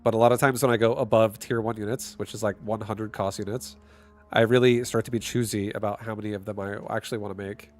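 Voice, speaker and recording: Faint music plays behind a man with a stuffy nose who streams a game, casually commenting live. He talks fast in a lowish voice, thinking out loud and occasionally erupting in excited shouts.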